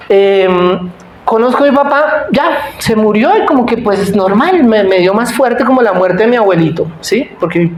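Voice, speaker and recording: A man preaching a conversational sermon, telling personal stories and often checking in with his congregation. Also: high-pitched. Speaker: pastor. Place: church hall. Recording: echoey church hall, faint room noise.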